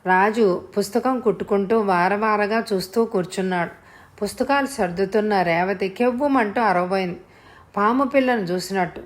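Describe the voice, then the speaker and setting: Woman reading an audio novel, steady storyteller voice. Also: medium pitch, moderate pace. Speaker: narrator.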